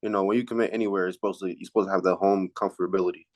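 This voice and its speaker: A young man in his late teens, a high school athlete, answering casual interview questions in a halting way, repeating words as he thinks. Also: fairly even intonation. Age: late teens, high school senior.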